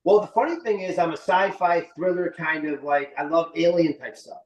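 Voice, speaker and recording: A man's voice: fairly high pitch, steady tone, moderate pace. Casual man in his forties, roomy sound. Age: late 40s. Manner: rambling, informal. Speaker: interview guest, indie film writer and director. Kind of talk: casual interview chat. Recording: roomy echo, slightly distant mic.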